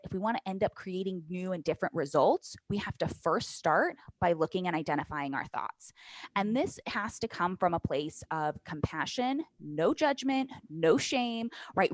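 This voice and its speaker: Woman coach on a podcast, kinda low voice, dry close sound, earnest explainer vibe. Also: no room sound, rough recording. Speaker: fitness coach guest. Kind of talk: podcast interview.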